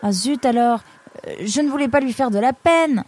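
A woman voicing a furry male creature who frets and protests in a raised, excitable voice. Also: fairly high pitch, a little slow, voice pushed up. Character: big furry male creature, fretful and touchy.

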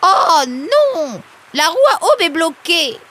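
A fussy, excitable female creature who runs a watermill, always fretting and exclaiming, as a woman puts her on for a storybook. Her voice sits high and jumps wildly up and down, with a breathy edge. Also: moderate pace, exaggerated voice. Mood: fretful. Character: fussy excitable female animal, mill keeper. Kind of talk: storybook character voice.

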